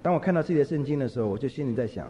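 Speaking rapid-fire in a mid-range voice, a preacher livens his sermon with funny anecdotes and acted-out quotes. The sound is lo-fi and dull, with hall echo.

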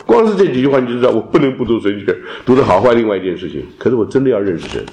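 A man teaching a theology class, lecturing in an animated way and dropping in English terms. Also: mid-range voice, rapid-fire, slight background noise. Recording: roomy echo.

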